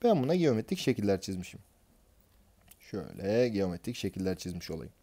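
A man's voice: sits low, very animated, fairly quick, mellow. A man teaching an exam prep lesson, explaining concepts step by step and answering his own questions as he goes.

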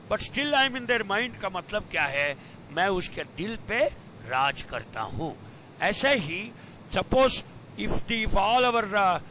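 A man's voice: bright, forceful tone, rough recording. A man with an Indian accent giving an informal online lecture in English and Hindi, prodding his listeners with questions and repeating key phrases. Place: indoors, on a video call. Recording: rumbly background noise on online call.

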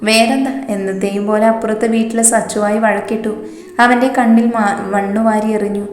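A woman's voice: mid-range voice, steady tone, a little fast, close to an everyday voice. A woman voicing an exasperated young mother who scolds and complains sharply, in a storybook reading. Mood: scolding. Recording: reverberant room, faint music behind.

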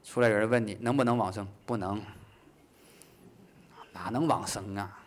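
A man teaching a Buddhist class in a lively way, acting out short dialogues, chuckling, and slowing down on key phrases. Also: lowish voice, a little hiss or hum. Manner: slows down to stress key phrases. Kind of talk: dharma lecture.

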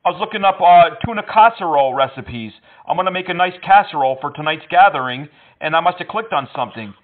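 A scam baiter prank-calls scammers, mocking and teasing them and laughing often. His voice is on the high side, fast, with lively intonation, coming through a tinny phone line.

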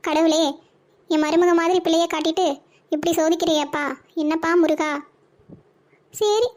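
A woman's voice: very high-pitched, darkish tone. A woman voicing a fond, chatty elderly mother who dotes on young women and mutters to herself. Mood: wistful. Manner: doting, sighing, talks to herself. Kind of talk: cartoon voice acting.

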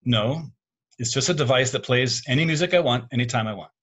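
A man's voice: mid-range voice, a little fast, fairly bright tone, breathy edge, voice pushed up. A man reading as a wry teenage daughter. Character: teenage daughter, college-bound, wry and quick.

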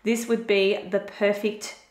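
A woman talking casually through a shopping voice-over, relaxed and chatty with lots of fillers. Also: mid-range voice, unhurried. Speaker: vlogger. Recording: roomy voice-over with faint music.

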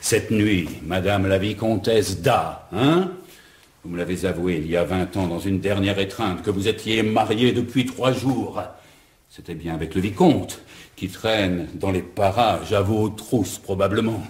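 An actor playing a lecherous police commissioner with asthma, in a theatrical radio play. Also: male voice, low-pitched, unhurried, darkish tone. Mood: gloating. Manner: gloating, theatrical, bursts of mocking laughter. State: coughing asthma fits. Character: wheezy lecherous middle-aged male police commissioner.

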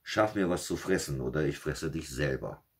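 A man reading a fairy tale aloud, voicing a greedy, bullying male wolf with a gruff, demanding manner. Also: rumbling low, animated, normal speed.

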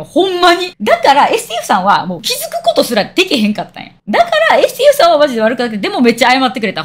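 A young woman, ranting bluntly and heatedly on a casual livestream. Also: a little high. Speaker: streamer.

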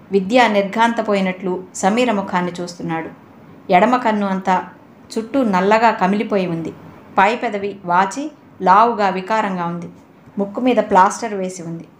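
A woman reading a novel aloud as its narrator, in a steady storytelling manner. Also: mid-range voice, roomy sound, slight background noise. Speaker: audiobook narrator. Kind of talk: novel reading with voiced dialogue.

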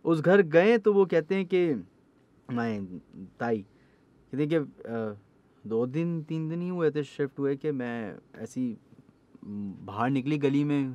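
A man's voice: medium pitch, darkish tone, dull audio. A man, a horror storyteller and podcast guest, talking in an earnest storytelling way and dropping English phrases into casual conversation.

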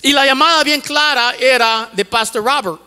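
A middle-aged pastor preaches a fervent sermon into a handheld microphone on a lit stage of a large church, repeating phrases for emphasis. A native English speaker who mixes in English words, he has a very high-pitched, bright, forceful, clear and resonant voice at normal speed, with long hall reverb from the auditorium.

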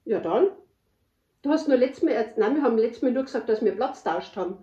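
A woman from the Bavarian Forest with a Bavarian accent, chatting loudly and laughing as podcast host. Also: fairly high pitch, expressive, fairly quick. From Bavarian Forest, Germany. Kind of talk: casual chat. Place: indoors at her parents' house. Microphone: camera microphone. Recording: roomy, dull camera-mic sound.

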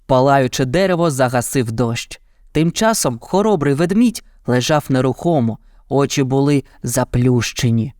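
A man narrating a children's fairy tale in an even, dramatic storytelling manner. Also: medium pitch, moderate pace, dry recording, clean studio sound.

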